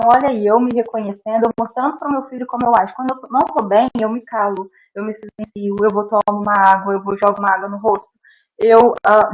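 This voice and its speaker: A woman speaking as a guest doctor in an interview, explaining at length, often acting out what parents and teachers say and ending phrases with a questioning tag. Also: mid-range voice. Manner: animated, acts out quoted adults, frequent "né?" tags. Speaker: guest neuropediatrician. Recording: dull lo-fi sound.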